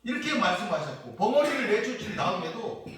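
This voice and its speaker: Male pastor preaching; animated, somewhat high delivery; heavy church reverb, off-mic. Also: brisk. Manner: explains scripture verse by verse, mocking quoted questions. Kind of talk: sermon. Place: prayer retreat church. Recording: very echoey church hall, mic at a distance.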